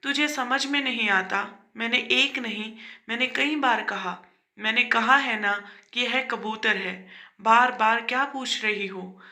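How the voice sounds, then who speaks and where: A woman's voice: fairly high pitch, takes it slowly, bright, forceful tone, full character voice. A woman voicing an irritable, short-tempered grown son who snaps in exasperation, in a storybook tale. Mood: irritated. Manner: snapping, exasperated.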